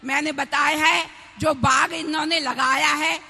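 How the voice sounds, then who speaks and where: A woman in her fifties from Madhya Pradesh speaks at a religious gathering, her very high, bright voice turning gravelly at the edges. She exhorts with fervour, often rising to a shout, and a long hall reverb trails every phrase. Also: fairly even intonation, a little slow, soft background music. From Madhya Pradesh, India. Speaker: celibate religious sister giving a tribute. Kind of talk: impassioned devotional speech.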